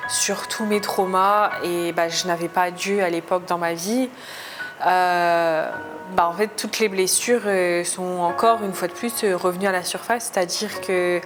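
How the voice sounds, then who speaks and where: Hesitant woman giving personal testimony over music. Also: lowish voice. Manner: hesitant, searching for words. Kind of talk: personal testimony to camera, confessional storytelling. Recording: music behind the voice. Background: clearly audible music.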